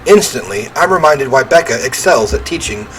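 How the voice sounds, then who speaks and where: Here a man with a mid-range, lively voice talks briskly through a let's-play, reading the game's text aloud and chatting with offhand asides. Noise sits behind his voice, and the audio quality is poor.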